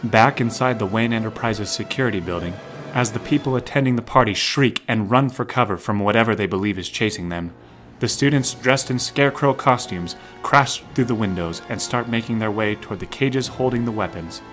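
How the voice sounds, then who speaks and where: Present-tense action is narrated from a drama script by a man with a fairly low voice, accompanied by faint music. He reads fairly quickly with a slightly bright sound.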